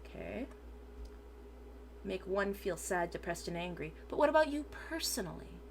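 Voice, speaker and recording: A woman's voice: mid-range voice, very animated, normal speed, vocal fry, slight background noise. A woman VTuber reading a transcript aloud for her stream, sometimes stumbling over words and correcting herself.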